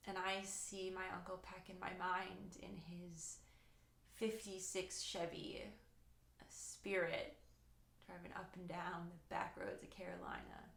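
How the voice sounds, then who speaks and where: A woman acting a dramatic monologue as a grown niece haunted by her late uncle, speaking in a searching, halting, reflective soliloquy. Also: lowish voice, little pitch movement, creaky, fairly bright tone. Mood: wistful, searching. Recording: echoey room with faint noise.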